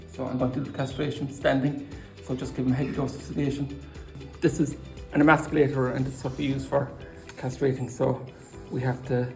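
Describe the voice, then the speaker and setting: A man's voice: medium pitch, gravelly, darkish tone. A man with an Irish accent, a vet explaining his hands-on work as he goes. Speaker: large animal vet.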